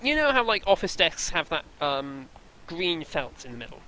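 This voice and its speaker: A man's voice: a little high, sing-song, normal speed, sharp tone, poor audio. A man running a tabletop role-playing game, narrating the scene with many fillers and restarts. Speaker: game master.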